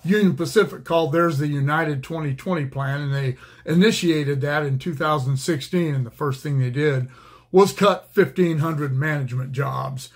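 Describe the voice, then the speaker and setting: An older retired railroad man talks through his topic in a loose, plainspoken way. His voice sits a little higher than most men's. He stops often on fillers and restarts his sentences as he thinks. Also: normal speed. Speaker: retired railroader, channel host. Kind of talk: casual explainer monologue.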